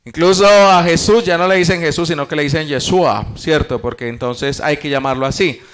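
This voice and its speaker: A man's voice: a little high, brisk, a little hiss or hum. A man teaching a church Bible study class, explaining step by step, posing rhetorical questions and addressing the congregation as brothers.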